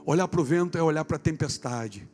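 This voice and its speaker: A Brazilian man preaching a sermon as pastor, impassioned, swinging from hushed speech to shouting. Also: a little high, normal speed, faint music behind. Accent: Brazilian Portuguese.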